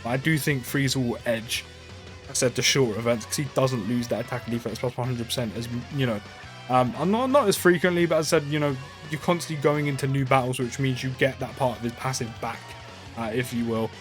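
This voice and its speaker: A man's voice: medium pitch, a little fast, faint music behind. A man giving casual, rambling commentary while playing a mobile game, full of fillers and restarts. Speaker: gaming YouTuber.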